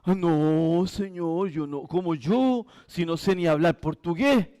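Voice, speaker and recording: A man's voice: fairly high pitch, takes it slowly, mellow, no echo, clean studio sound, pitched below the performer's own voice. A man voicing a reluctant man who protests a divine call, hesitant and unsure.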